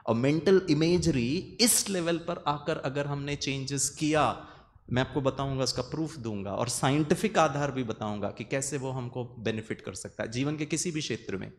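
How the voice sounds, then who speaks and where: A man with a slightly raised pitch gives a meditation talk to a listening audience. He speaks earnestly and keeps repeating his key phrases for emphasis. He drops English words into his sentences as he goes.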